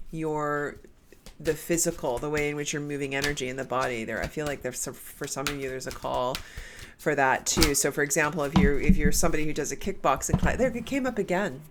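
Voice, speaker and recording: A woman with a low, fairly bright voice gives a casual spiritual card reading as a tarot reader. Her nose is stuffed up from a cold, and she meanders, restarting often.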